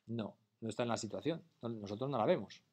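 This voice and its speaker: A man's voice: mid-range voice, fast talker, a little mellow. Spanish-man teaching a class. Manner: patient, keeps checking understanding with questions. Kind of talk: classroom lecture.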